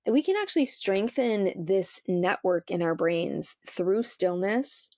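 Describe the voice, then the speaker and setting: A woman's voice: mid-range voice, lively intonation, a little slow, a little mellow, no echo, studio quality. A woman hosting a solo spiritual podcast from inside a small trailer, explaining and guiding the listener directly. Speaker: podcast host.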